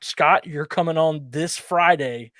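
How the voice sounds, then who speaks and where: Male producer, slightly high register, very dry sound, casual promo chat, enthusiastic and emphatic. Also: a little slow, a bit bright, no room sound. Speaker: wrestling show producer.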